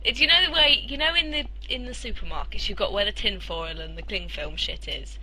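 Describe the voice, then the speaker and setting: A woman's voice: medium pitch, lively intonation, brisk, bright, forceful tone, poor audio. A woman presenting a cooking segment on a casual podcast, explaining step by step, exasperated and swearing casually.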